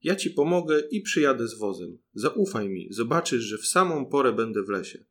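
A man's voice: mid-range voice, big pitch swings, fairly quick, natural voice. A man voicing a tiny, clever peasant boy who calls out eagerly and boldly in a storybook reading.

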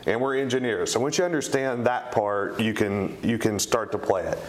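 Echoey, low-voiced man with an East Tennessee accent. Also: normal speed. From East Tennessee, United States. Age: middle-aged. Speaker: interview guest, company co-founder. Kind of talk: conversational interview answers. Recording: roomy, echoing sound.

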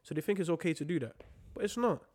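This young podcast co-host has a London roadman street accent and uses multicultural slang. He talks fast in a slightly high, darkish voice with lively intonation, casual yet emphatic, repeating phrases to drive points home.

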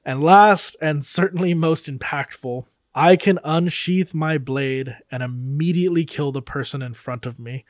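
A man's voice: fairly high pitch, unhurried, few pauses, no room sound, clean studio sound. A man playing in a tabletop game, musing aloud about his character with frequent fillers. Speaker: player. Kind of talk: casual tabletop game chat.

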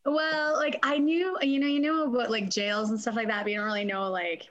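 A woman's voice: a little high, steady tone, brisk, fairly bright tone, highs cut off, slight background noise. A woman in her forties from Canada, a guest telling stories in a casual interview, chatty and laughing often. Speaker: guest, fitness testing company and former corrections supervisor.

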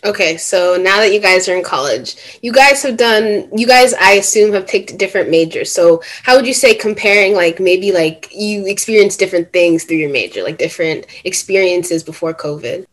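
A woman's voice: mid-range voice, moderate pace, hardly any pauses. A teenage girl hosting a casual panel chat over a video call, upbeat and talkative, often saying "like". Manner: chatty, upbeat, uses fillers like "like". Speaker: host.

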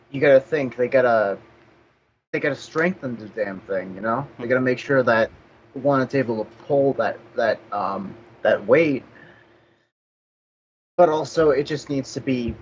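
A man's voice: medium pitch, slight background noise. A man co-hosting a casual podcast, rambling and joking, with casual swearing. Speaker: podcast co-host. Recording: slightly muffled lo-fi audio.

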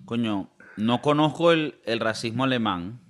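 A man's voice: medium pitch, lively intonation, moderate pace, slight background noise. A man hosting a podcast, teasing his co-host in casual chat. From Latin America. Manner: teasing, acts out mocking voices.

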